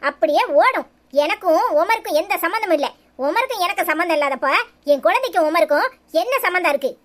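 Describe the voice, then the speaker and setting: Brief: defiant, sharp-tongued pregnant young cartoon woman, voiced by one actor, Tirunelveli Tamil, very high voice. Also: lively intonation, fast talker. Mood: angry. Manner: defiant, scolding. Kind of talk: cartoon comedy dialogue.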